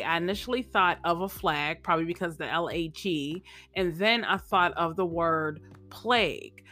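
A podcast host with a lowish, bright, forceful voice chats casually, mixing motivational talk with a vocabulary lesson. She's still recovering from a cold, so she sounds a little off, but she stays upbeat and chatty and repeats her phrases.

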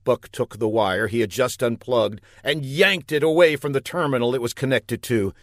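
A man's voice: medium pitch, normal speed, dry recording, clean studio sound. A man reading a comic adventure story aloud in a mock-dramatic way, hitting words with punchy emphasis. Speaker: narrator. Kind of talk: comic scripted story narration.

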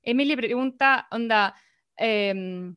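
A woman's voice: fairly high pitch, slow pace, smooth, lo-fi sound. A Chilean woman in casual podcast chat, animatedly retelling a film and acting out its lines. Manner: animated, acts out dialogue, laughs.

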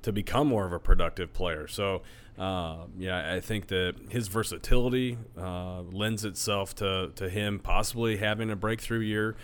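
A low-pitched American man offers conversational sports analysis. He speaks as a panelist on a talk show. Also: fairly even intonation, normal speed, fairly bright tone, slight background noise.

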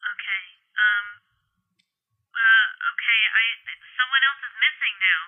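A woman playing an anxious young woman who answers a call on a phone speaker and talks in halting, stammering bursts. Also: fairly high pitch. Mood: shaken. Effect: heard through a phone speaker. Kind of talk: tabletop game role-play. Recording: tinny phone line.

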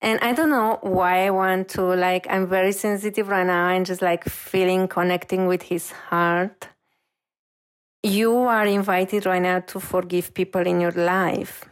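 A woman reiki master speaks in an unhurried, measured way while giving an intuitive reading. Her tone is earnest and gently reassuring, and her pitch sits in an ordinary middle range for a woman.

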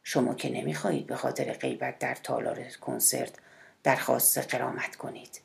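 Woman reading as a shy middle-aged man, hushed and hesitant, lowered voice, gravelly, audiobook. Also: fairly even intonation, heavily acted. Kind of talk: audiobook character voice.

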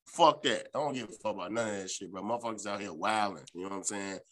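A man's voice: lowish voice, fast talker, pushed and bright. A man hosting a podcast, talking casually and bluntly in heavy slang with lots of swearing. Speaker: podcast host. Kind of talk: casual, profane podcast rant.

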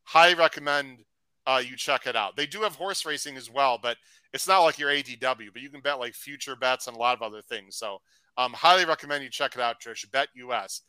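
A man hosting a live racing podcast, chatty and upbeat, reading out shout-outs to viewers. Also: medium pitch, fairly quick, clear, resonant tone, dry recording, rough recording. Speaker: podcast host. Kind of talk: casual live-stream chat.

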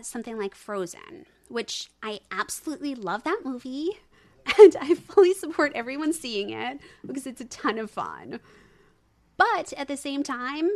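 She's a researcher and analyst in her thirties or older, joining a podcast for a conversational discussion. Her voice is high-pitched with a darkish tone, and she voices firm opinions, repeating words to drive her points home.

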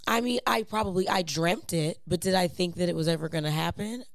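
Hoarse, raspy woman in casual chat. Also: fairly low pitch, a little fast, no room sound. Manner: playful, slangy. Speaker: performer, singer and dancer. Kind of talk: casual chat, animated storytelling.

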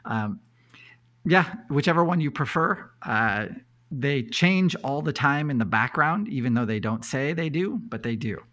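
A man talking as the guest expert on a podcast, relaxed and chatty, with many fillers and easy laughs. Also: mid-range voice, a little slow. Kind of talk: casual podcast chat.

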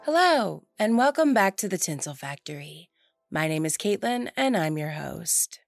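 Hoarse woman podcast host with a head cold. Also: fairly low pitch, sing-song, moderate pace, soft background music. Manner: chatty, frank, swears casually, many "like" fillers. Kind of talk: casual podcast monologue.

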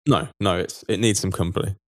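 A man with a low voice jokes on a podcast. His delivery is dry and playful, and the recording is close, with no room echo. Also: fairly even intonation, fairly quick, a bit bright. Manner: joking, dry punning banter. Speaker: podcast co-host. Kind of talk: casual podcast banter.

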